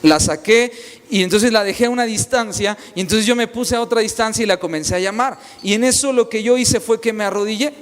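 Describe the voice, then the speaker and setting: A man's voice: sits high, brisk, clear, resonant tone. A young man preaching a sermon, telling personal stories with repeated, emphatic phrasing. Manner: storytelling, repetitive emphatic phrasing. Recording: long reverb, faint ambience.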